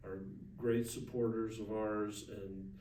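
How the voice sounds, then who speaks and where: A man speaking casually as an organizer being interviewed, halting and repeating words as he goes. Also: on the low side, level tone, dark tone. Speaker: gathering organizer, interview guest. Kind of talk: casual informal interview talk. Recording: roomy, distant mic, faint noise.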